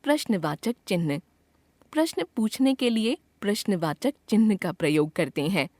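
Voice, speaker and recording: A woman teacher narrating a scripted grammar lesson in a clear, expressive way, acting out example sentences. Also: medium pitch, moderate pace, no room sound.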